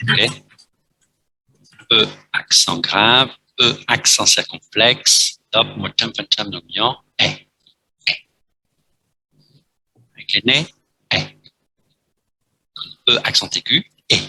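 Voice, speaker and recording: A man with a Vietnamese accent teaching a French lesson, speaking slowly and repeating letters and words as he explains. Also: lowish voice, gravelly, pushed and bright, husky, rough recording. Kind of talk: language lesson, explaining at a board.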